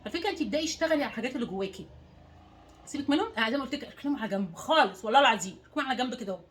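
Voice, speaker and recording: Egyptian woman life coach, motivational talk, high voice, very fast, hammers points through repetition. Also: animated. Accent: Egyptian Arabic. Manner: emphatic, repeats words and phrases for stress.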